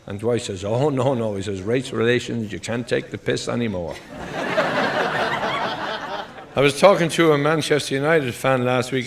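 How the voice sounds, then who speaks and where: An Irish stand-up comedian with a mid-range voice rattles off one-liners and short joke stories, acting out the characters in them. Heavy background noise sits under his set.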